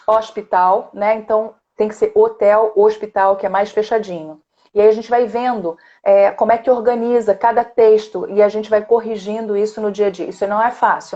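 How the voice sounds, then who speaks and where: Her mid-range voice is mellow, heard through lo-fi sound. She is a woman speech therapist with a Rio de Janeiro Brazilian Portuguese accent who explains voice technique in a live online chat, demonstrating sounds and often tagging her points with "né?".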